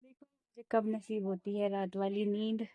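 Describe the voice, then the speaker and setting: Young woman, home vlogger mum, warm low-key delivery, dry close phone sound. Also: level tone, normal speed, no room sound. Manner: soothing sing-song coaxing to her baby. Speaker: mother vlogging her day. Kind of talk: casual home vlog talk.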